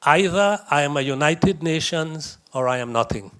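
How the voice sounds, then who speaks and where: A man's voice: on the high side, animated, moderate pace, a bit bright. A man from India, giving a conversational lecture to young visitors, anecdotal with chuckles and asides.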